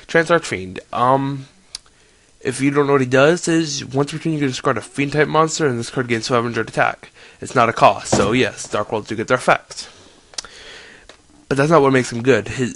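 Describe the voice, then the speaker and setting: A young man with a mid-range, slightly bright voice, his nose stuffed up from a cold, casually explains the cards in his deck. As a card game player, he rambles and keeps correcting himself.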